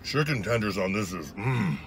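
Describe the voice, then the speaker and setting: A young man talks while chewing, his mouth full as he reviews food in a loose, joking way. His voice sits a little low. A soft hum of traffic comes through faintly from his parked truck. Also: expressive, normal speed. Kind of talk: casual vlog monologue.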